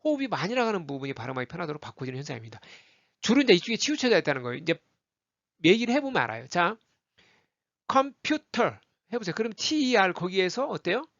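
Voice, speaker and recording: An animated male teacher who walks through pronunciation drills, saying each example word again and again with a lively, swooping pitch. The sound is dry and a little muffled, as if recorded close to the mic in a dead room. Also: racing, dry recording. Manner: animated, repeats example words many times for the listener to copy. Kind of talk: spoken English lesson with repeated drills.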